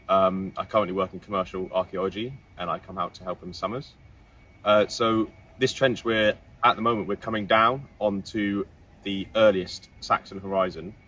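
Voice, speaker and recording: A man's voice: fairly low pitch, a bit bright. A man, an assistant trench supervisor, walking through the dig in an informed, methodical way. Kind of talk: explaining the dig to camera. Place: outdoor excavation trench. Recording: distant mic outdoors with background noise.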